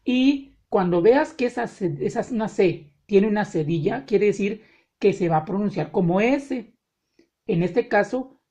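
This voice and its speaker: A woman teaching French spelling to beginners, spelling words out letter by letter slowly and patiently. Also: medium pitch, mellow. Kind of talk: slow spelling lesson for beginners.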